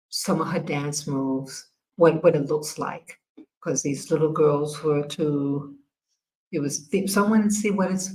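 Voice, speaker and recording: Host: low-pitched American woman, unhurried, halting livestream chat. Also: a little mellow, rough recording. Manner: halting, many fillers and restarts while working the screen. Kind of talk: casual livestream commentary.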